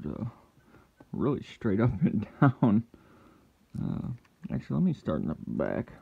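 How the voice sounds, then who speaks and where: A gravelly, mid-pitched man talks his viewers through a fiddly hands-on job, muttering his progress as he goes and now and then breaking into frustrated outbursts. The recording is a bit muffled and lo-fi, like a home setup. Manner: muttering to himself while working, with sudden frustrated yells. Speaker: lockpicking hobbyist channel host. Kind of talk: casual hands-on commentary.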